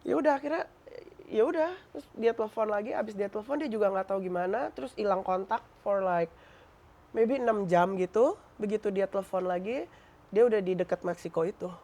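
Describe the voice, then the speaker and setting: A woman from Indonesia telling her story as an interview guest, mixing Indonesian with English in a lively, emotional retelling. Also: medium pitch, fairly quick.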